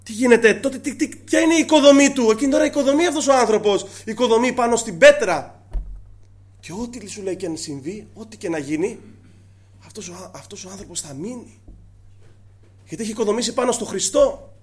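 High-voiced man preaching a sermon. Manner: addresses listeners as brothers, swings from hushed to raised.

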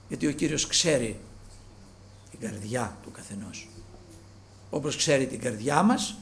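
A man preaching a sermon with fervor, rising to loud calls and dropping low. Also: vocal fry, slight background noise.

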